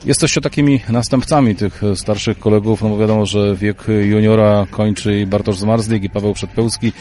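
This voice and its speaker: A man's voice: fairly low pitch, steady tone, moderate pace, mellow. A male sports reporter interviewing riders and a coach and reading results, asking short leading questions.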